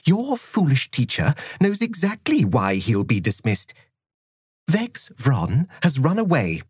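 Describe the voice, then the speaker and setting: A woman's voice: a bass voice, huge pitch swings, takes it slowly, darkish tone, slightly rough, no room sound, studio quality, voice pushed up, heavily acted. A man voicing a cold, cruel female assistant principal who speaks in an icy, whispery, clipped manner. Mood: icy menace. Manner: clipped, menacing.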